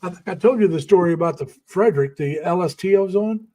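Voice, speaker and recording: Older male co-host, rambling storyteller, slightly high voice. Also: quick pace, mellow, low-quality recording. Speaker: live stream co-host. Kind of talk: casual chat.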